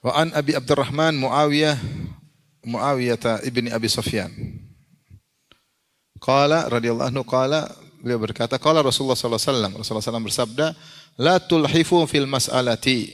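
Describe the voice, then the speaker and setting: A man's voice: mid-range voice, a little fast, long pauses, a bit bright. Preacher man in a reverberant hall. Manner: asks the audience questions and answers them himself; acts out quoted people in a raised voice. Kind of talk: Islamic sermon with hadith recitation.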